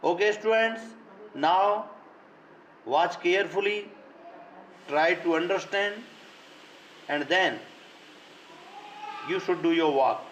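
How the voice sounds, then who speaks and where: A middle-aged school teacher with an Indian accent gives an online grammar lesson, switching between English and Hindi in slow phrases that sound like dictation. His voice is high-pitched with a fairly bright tone, while the audio is dull with a little hiss or hum.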